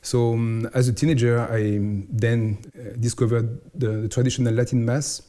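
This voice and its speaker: A man in his forties with a French accent, a priest answering interview questions in careful English, often pausing to find his words. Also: medium pitch, flat delivery, dark tone. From France. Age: 40s. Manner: halting, searching for English words. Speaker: priest, house superior.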